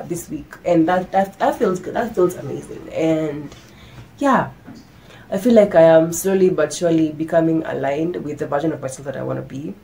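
Her voice is fairly low, creaky, and warm, caught on a low-quality recording. She's a sick young adult vlogger talking candidly to camera indoors in her bedroom, congested and fading, frequently restarting what she says, framed medium by a front-facing camera.

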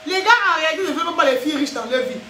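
A young woman talks casually and animatedly to her viewers, voice very high and bright. The recording is roomy with a faint hum behind. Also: very fast. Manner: animated, acts out scenes, frequent "hein?". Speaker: vlogger. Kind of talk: casual chat monologue.

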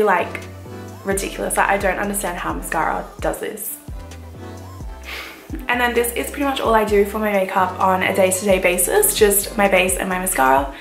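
A bubbly young woman talks through her makeup in an excited, chatty way, her voice still croaky from just waking up. She sounds like she is in an echoey room at home, with faint music playing behind her. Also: medium pitch. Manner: bubbly, enthusiastic. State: croaky morning voice. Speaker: beauty vlogger. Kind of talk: casual vlog chat.

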